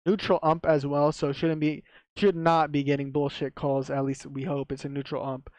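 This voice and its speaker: Male sports tipster, slight retainer lisp, clean and smooth tone, very even pitch, casual and slangy. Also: normal speed, no room sound. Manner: slangy, swearing, repeats himself for emphasis. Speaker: sports betting tipster, video host. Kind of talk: casual sports betting commentary to viewers.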